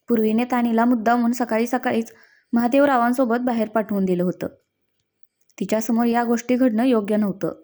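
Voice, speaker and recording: A woman storyteller narrating a dramatic family tale in a steady, expressive reading. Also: a little high.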